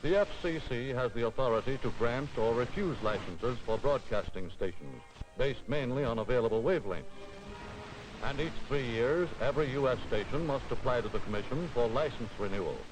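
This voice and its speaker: A man's voice: medium pitch, lively intonation, a little fast, low-quality recording. A man giving formal, authoritative 1940s newsreel narration in a declamatory voice. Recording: old film soundtrack with music bed.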